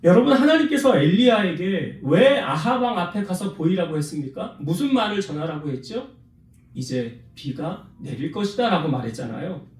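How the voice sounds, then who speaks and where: A man's voice: high-pitched, big pitch swings, moderate pace, a little mellow, roomy sound, distant mic. A male pastor preaching a sermon, retelling scripture with acted quotes and putting questions to the congregation. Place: church sanctuary.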